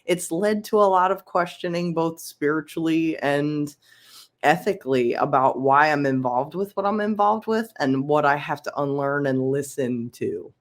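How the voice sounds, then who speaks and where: A woman's voice: low voice, expressive, moderate pace. A talkative woman from Philadelphia chats as a podcast guest. She fills her sentences with ums and laughs easily as she explains her work. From Philadelphia, USA. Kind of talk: casual interview chat.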